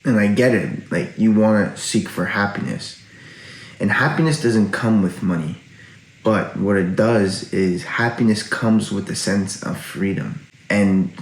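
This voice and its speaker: Man, pensive, lowish voice, casual reflective vlog monologue, echoey room. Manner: pensive, musing aloud; casual, frequent swearing. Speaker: online video creator. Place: indoor room at night. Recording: roomy indoor echo.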